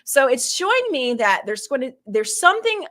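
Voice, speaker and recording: A woman's voice: high voice, big pitch swings, moderate pace, a bit bright. A woman from Florida with a faint Southern lilt, hosting a casual commentary to her viewers, talking in a suspicious, rhetorical way and checking in with "okay?" after each point. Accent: slight Southern US. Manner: conspiratorial, rhetorical, keeps adding "okay?". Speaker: host.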